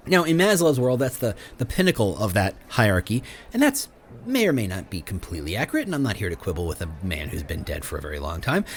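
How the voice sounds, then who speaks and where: A man hosting his own podcast, talking through a solo monologue full of rhetorical questions in a loose, conversational way. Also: a little high. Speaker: podcast host.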